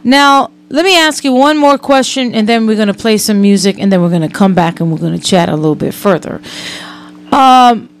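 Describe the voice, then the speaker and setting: A woman's voice: medium pitch, fairly quick. A woman hosting a radio interview, chatty and hedging as she tells a story. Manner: chatty, repeats hedging words. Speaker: radio host. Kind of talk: casual interview.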